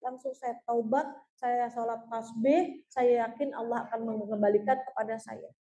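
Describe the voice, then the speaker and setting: Warm-voiced woman religious teacher, echoey hall. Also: fairly high pitch, steady tone, normal speed. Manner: storytelling, keeps addressing listeners as "Bu"; earnest, heartfelt. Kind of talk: religious talk answering audience questions.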